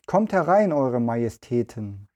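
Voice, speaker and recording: A man's voice: medium pitch, big pitch swings, measured pace, a little mellow. A man voicing a fussy, tidy old woman who scolds about dirt but means well. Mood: scolding. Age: older.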